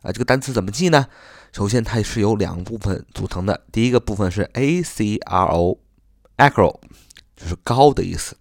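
A man teaching English vocabulary in Chinese, slowly repeating each word and spelling it out letter by letter, speaking English with a Mandarin Chinese accent. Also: fairly low pitch, dry recording, studio quality. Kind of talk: spoken vocabulary lesson.

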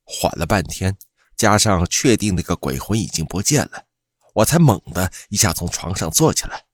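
A man's voice: low-pitched, very animated, moderate pace, no room sound, studio quality. A man narrating a first-person campus ghost story in a suspenseful, dramatic way.

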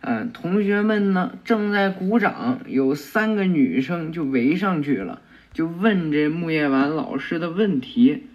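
A man tells a cartoon story in a loose, chatty way, full of fillers and quick self-corrections. The recording sounds a bit muffled and lo-fi. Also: fairly high pitch, expressive. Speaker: storyteller retelling an anime episode. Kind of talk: casual oral retelling with acted voices.

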